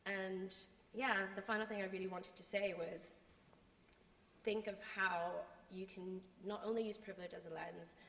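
A woman's voice: medium pitch, fairly even intonation, normal speed, fairly bright tone. A woman who is a native English speaker, giving an earnest, articulate motivational talk with emphatic repetition. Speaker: conference speaker. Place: large reverberant room before a live audience. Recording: echoey hall with background noise.

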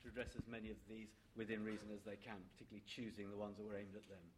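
A man's voice: on the low side, little pitch movement, very fast. A man chairing a live public panel debate as moderator, recorded at the event. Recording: live event, clear background noise and clicks.

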